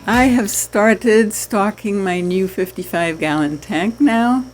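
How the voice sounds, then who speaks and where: A woman from Trinidad chatting casually to her viewers about keeping fish, with soft laughs. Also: medium pitch, faint music behind. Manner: slow, chatty, laughs softly. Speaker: aquarium hobby vlogger. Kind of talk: casual chat to camera.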